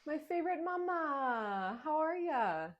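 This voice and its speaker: A woman's voice: fairly high pitch, very animated, normal speed, a little mellow, dull audio, slight background noise, voice pushed up. A woman playing a fawning principal who gushes in a chummy way. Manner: gushing, chummy.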